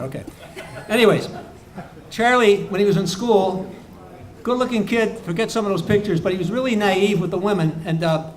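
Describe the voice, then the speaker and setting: A man telling stories and jokes at a tribute roast, with quick asides to the crowd. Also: high-pitched, a little hiss or hum. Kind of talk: stand-up style joke telling at a tribute. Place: bar event room.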